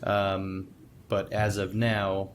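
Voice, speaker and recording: A man acting as game master, narrating a tabletop roleplaying game in halting, pieced-together phrases. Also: sits low, completely flat delivery, a little hiss or hum.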